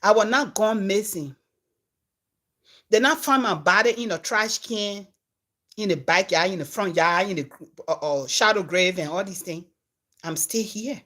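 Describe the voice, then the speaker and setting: An unhurried Liberian comedian and content creator with a medium-pitched voice relates a story to her followers. Her delivery is easygoing yet animated, sliding from loud down to hushed.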